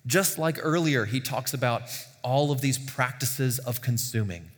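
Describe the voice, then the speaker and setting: A man's voice: mid-range voice, measured pace, big-room sound. A middle-aged man, a pastor, preaching a sermon in earnest tones, asking the congregation rhetorical questions. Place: church sanctuary.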